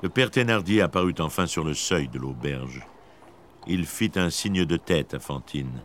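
A man giving measured, expressive scripted narration of a classic story. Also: very deep voice, slight background noise.

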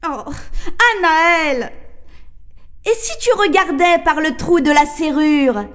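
Woman as a gently coaxing mother. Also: high voice, slow. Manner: soft and coaxing, sing-song rhyme.

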